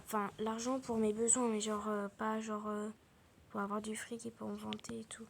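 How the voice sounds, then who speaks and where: A young female video creator chatting casually while playing a game, speaking softly and often half-whispering, with many fillers. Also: mid-range voice, level tone, moderate pace, creaky, slight background noise. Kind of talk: casual gameplay chat.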